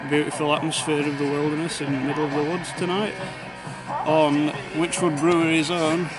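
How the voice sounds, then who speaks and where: A young man talks loosely into a close handheld camera outdoors at dusk, full of fillers and pauses. His voice sits a bit high for a man. Loud music plays under the whole recording. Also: low-quality recording. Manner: relaxed, rambling with many fillers. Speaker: vlogger reviewing beer. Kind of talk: casual review vlog. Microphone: phone camera held low, close.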